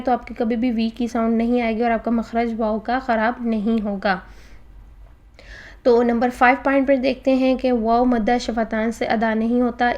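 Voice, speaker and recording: Woman, recitation teacher, recorded lesson, patient step-by-step explaining, English words mixed in, fairly high voice. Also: darkish tone, highs cut off.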